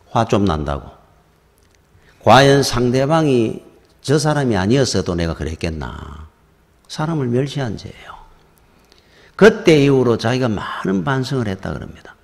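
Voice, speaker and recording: A man's voice: mid-range voice, normal speed, creaky, pauses often. A middle-aged man with a Gyeongsang accent, a pastor telling stories in a conversational sermon in a church. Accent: Gyeongsang Korean. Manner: storytelling, conversational and lively. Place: church sanctuary. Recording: reverberant church hall.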